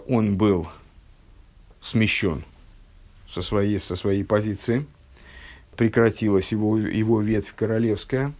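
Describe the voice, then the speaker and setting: A man giving a religious text-study lecture, speaking in a measured, halting way with fillers and self-corrections, reading out quotations and translating them. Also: on the low side, darkish tone. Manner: reads and translates Hebrew quotations. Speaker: religious teacher.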